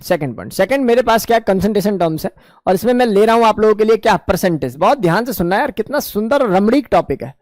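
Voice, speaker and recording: With a high-pitched, animated voice and a quick pace, a man lectures his chemistry class in Hindi mixed with English terms. He coaxes them affectionately, asking questions and answering them himself, and the audio has no echo.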